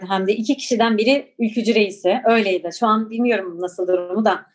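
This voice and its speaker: A woman's voice: mid-range voice, quick pace. A woman in her forties from Turkey, recalling her past in an interview with a reflective, hesitant manner and many fillers. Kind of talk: personal recollection.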